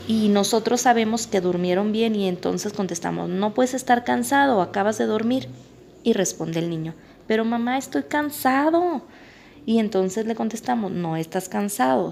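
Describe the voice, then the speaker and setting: A woman's voice: medium pitch, vocal fry, darkish tone, slight background noise. A woman, a psychologist, summarizing a parenting book in a conversational way. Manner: conversational, acts out parent and child quotes.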